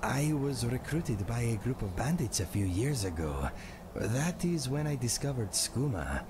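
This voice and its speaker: An actor playing a wry, melancholy former addict turned mercenary in a fantasy game, confessing in measured, formal speech. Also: male voice, mid-range voice, big pitch swings, very noisy. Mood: regretful. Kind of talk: scripted fantasy game dialogue.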